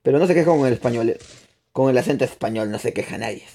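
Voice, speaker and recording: Speaking fast and expressively at a medium pitch, this young man has a mellow voice touched with vocal fry. He adopts a put-on Spain Spanish accent during live gameplay commentary, chatting, answering viewers while playing, and restarting his meandering explanations.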